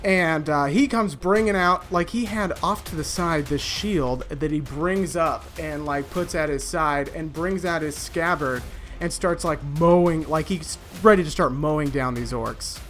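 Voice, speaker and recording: A woman's voice: deep voice, unhurried, faint music behind. A woman narrating a tabletop game as game master, often breaking into laughter.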